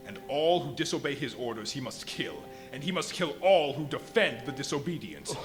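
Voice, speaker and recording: A man's voice: medium pitch, animated, normal speed, close to an everyday voice. Man playing the imperious, menacing Invisible Man, music underneath. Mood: coldly menacing. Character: ruthless, megalomaniac invisible scientist plotting a reign of terror. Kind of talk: live radio play acting. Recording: live stage recording with music underneath.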